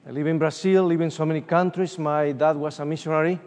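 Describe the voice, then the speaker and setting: A middle-aged Uruguayan evangelist delivers a conference sermon in Spanish-accented English, his voice a little high for a man. He tells personal stories with animation, often pausing on "uh." A distant room microphone captures him, so the sound carries long reverb from a large hall.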